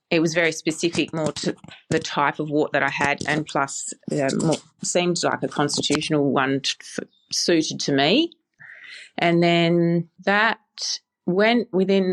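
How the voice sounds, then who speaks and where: A woman's voice: low voice, a little slow. A woman in her forties giving a chatty, matter-of-fact casual testimonial. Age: 40s. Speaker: podcast guest giving a testimonial.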